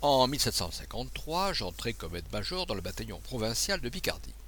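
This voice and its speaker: A man doing a brisk, self-assured naval officer. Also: mid-range voice, big pitch swings, fairly bright tone, a little hiss or hum. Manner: confident, brisk, teasing.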